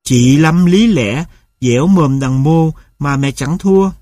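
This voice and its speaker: A man's voice: a little high, slow pace, warm tone, no room sound, studio quality. Man doing a wry older village mother.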